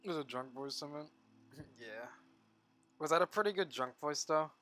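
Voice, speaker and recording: A man's voice: fairly high pitch, normal speed, fairly bright tone. Tired young man streaming, rambling. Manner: rambling, laughing, trailing off mid-sentence. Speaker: game streamer. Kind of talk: casual live-stream chat.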